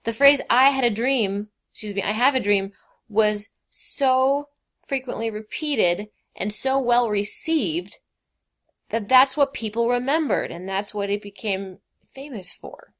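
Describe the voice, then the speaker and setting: A woman's voice: on the high side, a little slow, a bit bright. A woman teacher explaining grammar in a recorded lesson, reading out quoted examples with emphasis.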